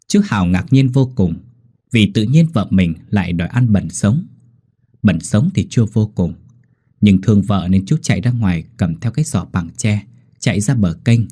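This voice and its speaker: A male storyteller, narrating a script with animated, expressive delivery. His voice is low and mellow, with a husky texture and lively pitch.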